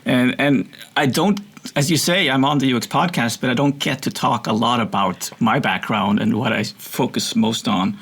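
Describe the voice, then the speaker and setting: A man's voice: medium pitch, normal speed, fairly bright tone, slightly rough. A Swedish man with a somewhat American accent, a guest in an interview, telling his story in an earnest, reflective way. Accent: American-sounding, from international schools. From Sweden. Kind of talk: conversational interview.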